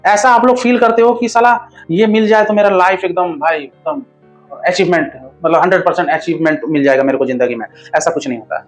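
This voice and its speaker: A man's voice: high voice, brisk, faint music behind. A man hosting a relationship advice talk, speaking bluntly and crudely, scolding viewers like a brother.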